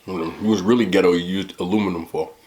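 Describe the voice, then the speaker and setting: A man's voice: sits low, fairly even intonation, fast talker, darkish tone. A man in his thirties in casual, rambling mukbang chat, joking in slang and talking between bites as he eats. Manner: talks between bites while eating. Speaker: mukbang host. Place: small indoor room, seated at a table.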